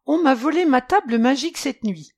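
A woman voicing a hungry, quick-tempered male ogre in a storybook reading, demanding and threatening. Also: sits high, lively intonation, a little mellow, voice pushed up. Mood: complaining.

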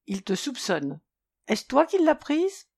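A woman voicing a clever young male detective prince in a storybook reading, calm and inquisitive. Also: high-pitched, slow pace, husky, no echo, pitched above the performer's own voice, exaggerated voice.

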